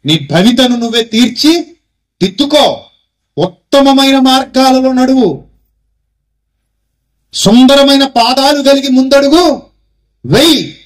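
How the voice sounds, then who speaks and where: High-voiced preacher exhorting a congregation. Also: male voice, expressive, slow, long pauses. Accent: Telugu. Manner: exhorting, calls congregation to repeat phrases; rhetorical questions to listeners. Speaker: pastor. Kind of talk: Christmas sermon.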